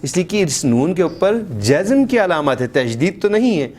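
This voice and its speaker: A man's voice: on the high side, very animated, darkish tone. A man from Baltistan teaching step-by-step Quran reading, patiently drawing out each sound and praising his pupil often. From Baltistan, Pakistan. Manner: patient, spells sounds out slowly and drawn out. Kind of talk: step-by-step recitation lesson.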